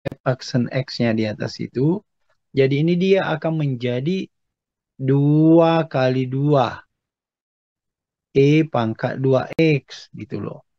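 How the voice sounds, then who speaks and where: A male mathematics lecturer teaches a maths lesson step by step, patiently explaining and often checking that students are following. His mid-range voice has a dark tone, and he speaks slowly with frequent pauses. The recording sounds dull and muffled, in an echoey room.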